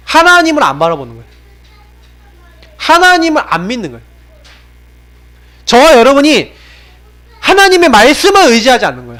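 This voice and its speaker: A man preaching a sermon to his congregation as pastor, swinging between raised exhortation and low, confiding tones, and asking many rhetorical questions. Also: fairly bright tone. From South Korea. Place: church sanctuary.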